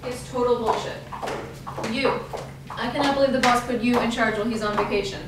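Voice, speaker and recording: A woman's voice: on the high side, fairly even intonation, brisk, close to an everyday voice. An actress playing a female journalist who teases a coworker with pushy, needling questions. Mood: teasing. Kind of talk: student short-film acting. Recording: echoey room with noise.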